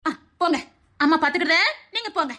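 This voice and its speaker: A woman's voice: very high-pitched, fast talker, background noise, voice pushed down. A woman voicing a protective motherly aunt who coos endearments at the children. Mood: doting. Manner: cooing endearments, lively rise and fall.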